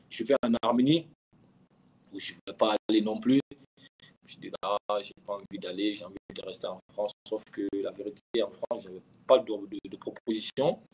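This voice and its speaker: Speaking on the low side with a darkish tone, a professional footballer in his thirties relaxes into conversational storytelling during an interview, repeating words to drive points home. Slight background noise sits under the poor audio.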